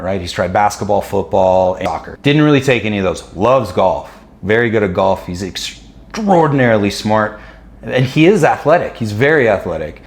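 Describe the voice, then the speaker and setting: A man co-hosting a casual faith-based podcast, telling stories in an earnest, heartfelt way and getting emotional. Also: lowish voice. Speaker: podcast co-host.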